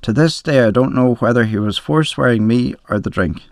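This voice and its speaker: A man reading a short story aloud, narrating with measured, expressive first-person storytelling. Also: mid-range voice, dry recording, studio quality. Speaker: reader.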